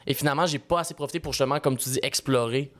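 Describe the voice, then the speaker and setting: A man's voice: mid-range voice, racing, fairly bright tone. A young man with a Quebec French accent hosting a casual podcast chat, talking in colloquial, sweary slang. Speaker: podcast host.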